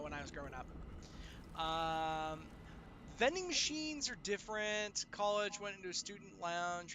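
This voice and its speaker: A man with a high, bright voice hosts a casual livestream. He talks to viewers in an animated, informal way, with faint noise behind him. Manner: animated, exclaiming when greeting viewers. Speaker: streamer host.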